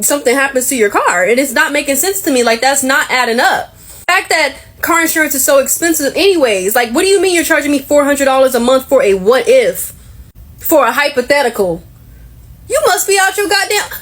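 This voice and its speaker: A woman's voice: high voice, fairly quick, fairly bright tone. A woman ranting casually about costs, exasperated and swearing as she talks. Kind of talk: casual rant to camera.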